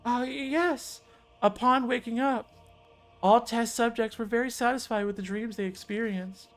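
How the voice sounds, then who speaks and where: A gentle old lady scientist from a video game, put on by a man, speaks high and nervously. She is earnest and hesitant as she explains herself. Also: steady tone, moderate pace, soft background music. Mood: hesitant, reassuring. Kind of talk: video game character dialogue read aloud.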